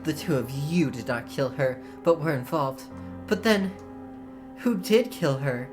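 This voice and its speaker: A woman plays a proud young noble bird from a visual novel, earnest and stiffly formal in every sentence. The voice sits low for a woman, with faint music in the background. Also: expressive, a little slow. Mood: accusing. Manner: formal, stiff aristocratic diction. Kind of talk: reading visual novel dialogue aloud.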